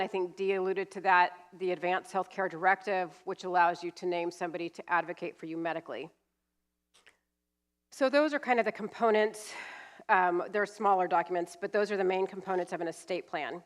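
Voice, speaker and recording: Fairly low and steady, this woman's voice moves at a fairly quick clip. She's a fifty-something Californian estate planning attorney guest-speaking at a seminar in a church hall, holding a handheld mic, sniffling with a cold as she explains plainly with some fillers.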